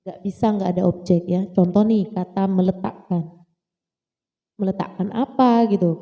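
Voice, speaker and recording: A woman's voice: medium pitch, dark tone, in a large hall. A woman teaching grammar in a casual, patient way, repeating points and checking that listeners follow. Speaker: English teacher. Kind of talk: casual lesson explaining grammar.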